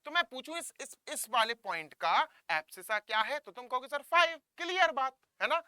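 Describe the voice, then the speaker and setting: A man with an Indian accent teaches a maths class in a lively, coaxing way, his voice swooping up and down. His tone is bright and crisp. The sound is dry and close to the mic. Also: very high-pitched, moderate pace, no room sound. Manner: lively, coaxing, mixing Hindi and English, calls students kids. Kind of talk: online classroom lesson.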